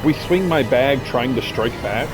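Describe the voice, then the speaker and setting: A man's voice: mid-range voice, expressive, unhurried, loud music behind the voice. A young man casually playing a horror game, reading its text aloud and joking with slang between lines. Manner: casual, joking, says "dude" and "bro". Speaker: gameplay streamer.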